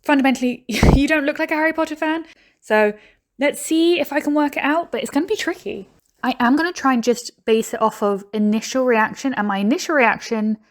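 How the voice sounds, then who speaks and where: A woman giving casual reaction commentary on a video, chatty, thinking aloud and laughing now and then. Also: a little high. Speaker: YouTuber reacting to a game show video.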